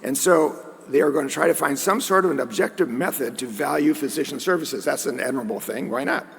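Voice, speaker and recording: A man's voice: a little high, fairly quick, gravelly, a bit bright, breathy edge. A man giving a conference lecture in a conversational way, with joking asides. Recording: long hall reverb.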